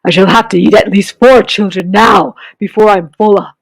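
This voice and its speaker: A woman voicing a sly, greedy male crocodile who gloats in a low hissing whisper. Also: normal speed, vocal fry, slightly rough, dry recording, rough recording.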